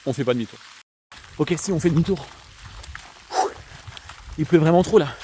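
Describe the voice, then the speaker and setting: A man's voice: a little high, expressive, normal speed, dark tone. Chatty man with an Alsatian accent. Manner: slangy, chatty, addresses viewers directly. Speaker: vlogger; schoolteacher. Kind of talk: casual rambling monologue while walking. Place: outdoors on a countryside walk. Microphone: handheld camera. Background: faint outdoor noise, rain.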